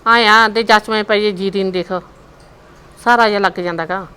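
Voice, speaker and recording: An older woman as a bright, nagging Punjabi mother. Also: mid-range voice, steady tone, moderate pace, clean tone, natural voice, poor audio. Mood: chatty. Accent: Indian Punjabi. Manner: chatty, teasing, scolding. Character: chatty, nagging mother of a married son. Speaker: mother in a family drama. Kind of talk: village web drama acting.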